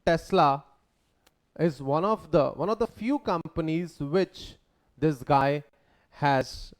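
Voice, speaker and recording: A man with a fairly high voice and drawn-out words gives a conversational lecture that mixes Hindi and English. He frequently quizzes his students with questions.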